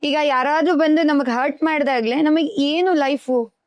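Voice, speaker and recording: A woman's voice: sits high, normal speed, dry recording, lo-fi sound. A woman guest on a podcast, a life coach who explains earnestly with everyday examples. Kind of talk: podcast interview.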